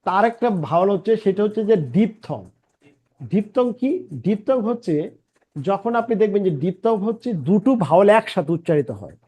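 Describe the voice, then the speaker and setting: A man's voice: high-pitched, expressive, moderate pace, dark tone, husky. A man leads a pronunciation class. He repeats each sound again and again. He often stops to check with "right?" before moving on. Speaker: English teacher and channel founder. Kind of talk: pronunciation lesson.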